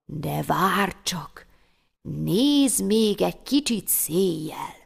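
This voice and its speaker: A woman voicing a kindly, wise old woman in a storybook tale, speaking slowly in a hushed, half-whispered way. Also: on the low side, very animated, creaky, husky, heavily acted. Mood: gentle, knowing. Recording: long hall reverb.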